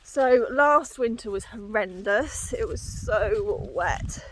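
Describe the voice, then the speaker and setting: A woman's voice: medium pitch, animated, slow pace, a little hiss or hum. A woman vlogging casually outdoors as she walks, out of breath and puffing while she talks. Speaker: horse owner and vlogger. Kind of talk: casual vlog chat while walking. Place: outdoors on paddocks and hilly, boggy ground.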